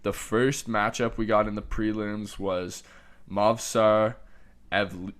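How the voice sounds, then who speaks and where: A man from Canada co-hosting a podcast, chatting casually and analytically about fight results, often trailing off softly. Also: lowish voice, little pitch movement, slow pace, clear, resonant tone. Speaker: podcast co-host. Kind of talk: casual sports chat.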